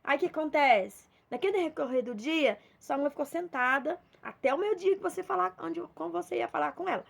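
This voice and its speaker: A high-voiced woman with a Minas Gerais accent gives a relaxed devotional talk. She speaks in a chatty, storytelling way and slips into little acted exchanges as she goes. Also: brisk, vocal fry. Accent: Minas Gerais Portuguese. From Minas Gerais, Brazil. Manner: conversational, storytelling with acted dialogue. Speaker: preacher.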